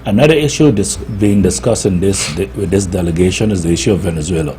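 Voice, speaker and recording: Man, lowish voice, very mellow tone, talk show host, news discussion, slightly noisy recording. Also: fast talker. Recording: clearly noisy background.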